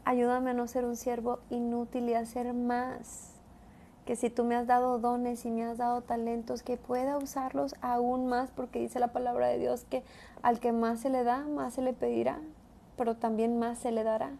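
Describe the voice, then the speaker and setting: A woman's voice: on the high side, flat delivery, normal speed, vocal fry, dark tone, slight background noise. A woman giving a conversational devotional Bible teaching, often adding tag questions as she goes.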